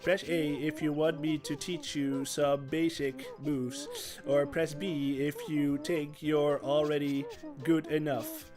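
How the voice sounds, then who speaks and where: A man voicing a nerdy, short-sighted male mole who talks slowly and carefully. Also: a little high, steady tone, over music. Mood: fussy. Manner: slow, careful nerdy delivery.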